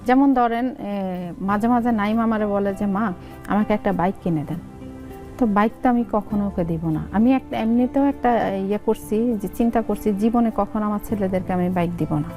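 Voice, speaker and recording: A woman's voice: mid-range voice, brisk, faint music behind. A woman in her forties with a Noakhali Bengali accent, chatting casually as an interview guest and acting out family talk in dialect. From Noakhali region, Bangladesh. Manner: animated, acts out family dialogues in dialect. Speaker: content creator guest.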